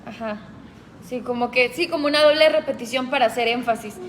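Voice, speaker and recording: A woman's voice: fairly high pitch, brisk, in a large hall, slight background noise. A woman leading a group Bible study, explaining patiently and asking the group questions.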